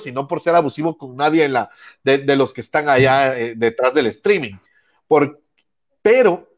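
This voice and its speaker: A man's voice: high-pitched, highs cut off. A man with a Guatemalan accent hosting a casual talk show, telling stories and acting out the people he quotes. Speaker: podcast host.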